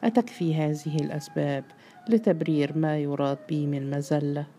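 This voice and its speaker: امرأة تؤدي دور ابن شاب غاضب متمرد يصيح بسخرية واحتقار في قصة مسموعة. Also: female voice, low voice, steady tone, brisk. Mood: mocking. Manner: shouting, scornful. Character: furious, defiant grown son.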